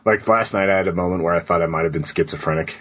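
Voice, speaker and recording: A man's voice: deep voice, rapid-fire. A man co-hosting a podcast in casual chat, telling loose stories full of "like"s. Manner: loose storytelling with many "like"s. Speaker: podcast co-host. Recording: dull lo-fi podcast audio.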